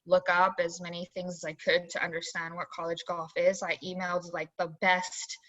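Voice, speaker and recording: A bright, clear young woman from Zambia talks in a chatty, rambling way, full of "um" and "like". Her voice sits a little low for a woman. The video-call audio is dull and lo-fi. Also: moderate pace. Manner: chatty, animated storyteller with many "like" and "um". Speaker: assistant college golf coach, interview guest. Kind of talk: casual video-call interview storytelling.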